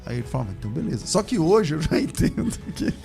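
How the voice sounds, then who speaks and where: Fast-talking gravelly Brazilian pastor. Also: male voice, fairly high pitch, faint music behind. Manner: animated, laughing, acts out quoted voices. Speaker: pastor telling his testimony. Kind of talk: casual storytelling chat.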